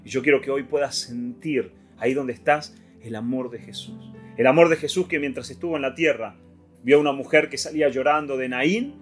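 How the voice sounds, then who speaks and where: Impassioned rioplatense preacher over guitar. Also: male voice, mid-range voice, a little fast. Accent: Rioplatense Spanish. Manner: impassioned, swings from loud to hushed. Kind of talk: Easter sermon. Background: soft guitar music.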